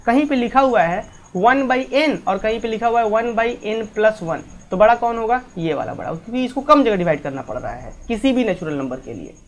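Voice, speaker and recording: A woman's voice: fairly high pitch, expressive, normal speed, hardly any pauses, slight background noise. A woman maths teacher explaining a lesson step by step, mixing English maths terms into her talk and asking students many questions.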